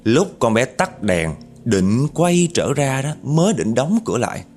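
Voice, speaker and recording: A man narrating a horror story in an animated way, speaking directly to his listeners. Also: mid-range voice, a little slow.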